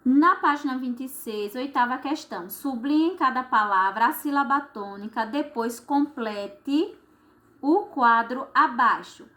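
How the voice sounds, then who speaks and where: A woman teacher patiently guides children through textbook exercises one step at a time, speaking slowly and often asking "certo?". Her voice is high, pushed and bright.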